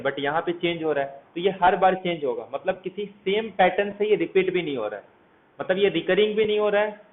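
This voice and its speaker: A man teaching a math lecture, walking through each step and asking his students questions as he goes. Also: fairly high pitch. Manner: walks through steps, asks students questions. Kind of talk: explanatory lecture. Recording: tinny phone-like audio, faint hiss.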